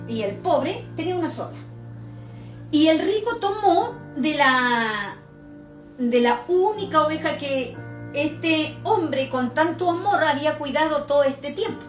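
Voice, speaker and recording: Woman preacher, high voice, earnest storyteller, soft music under a roomy church sound. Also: recorded from a distance. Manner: earnest storytelling with rhetorical questions to the congregation. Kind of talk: sermon. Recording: echoey church room with faint music.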